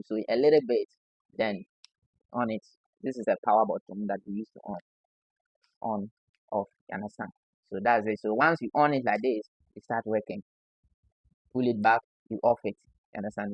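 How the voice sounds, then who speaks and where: A man's voice: mid-range voice, no room sound, lo-fi sound. A man from Ghana with a Ghanaian English accent, a barber giving a casual hands-on demo who keeps asking "you understand?". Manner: repeats "you understand?" as a constant check-in.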